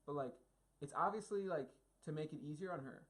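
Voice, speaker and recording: A man's voice: on the high side, brisk, a bit bright, low-quality recording. A young man co-hosting a casual film review chat, opinionated and ranting with emphatic asides.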